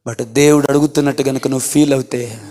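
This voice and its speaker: A man preaching a sermon, a fervent pastor who builds to shouted repeated refrains and mixes English phrases into his preaching. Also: medium pitch, steady tone, fast. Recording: live church service, congregation audible. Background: congregation noise.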